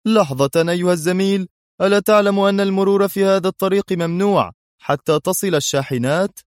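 A man's voice: high voice, fast talker, dry recording, studio quality, voice pushed up, lightly acted. A man reading a story aloud, voicing an officious male factory guard who halts someone. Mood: stern. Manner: brusque, officious.

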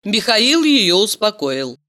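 A woman doing scripted audiobook narration in an expressive storytelling manner. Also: mid-range voice, slow pace.

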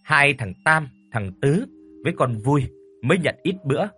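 A man narrating a horror story in a lively, dramatic way. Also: on the high side, moderate pace, breathy edge.

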